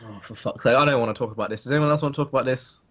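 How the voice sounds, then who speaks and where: A man co-hosting a casual chat podcast, joking and laughing, his pitch jumping into cries. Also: very fast, fairly bright tone, muffled recording. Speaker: podcast co-host.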